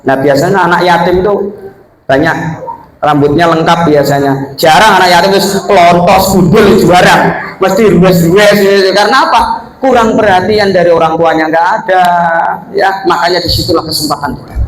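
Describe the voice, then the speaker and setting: A middle-aged man preaching a lively sermon to a gathered congregation, joking and mixing in Arabic phrases. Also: high-pitched, moderate pace. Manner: lively, jokey, mixes local words and Arabic. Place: prayer room with a gathered audience. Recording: echoey room with crowd.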